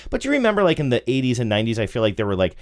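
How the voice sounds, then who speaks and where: A man's voice: mid-range voice, wildly swooping pitch, very fast. A middle-aged man co-hosting a podcast, telling stories casually in a joking, incredulous way. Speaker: podcast co-host. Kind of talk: casual conversational storytelling.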